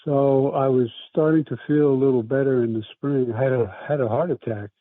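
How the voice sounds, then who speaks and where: A casual life-story interview features a man from South Brooklyn, New York, who rambles and halts, full of restarts and fillers. His medium-pitched voice keeps a steady tone, and the tinny, dry phone-like recording has no echo.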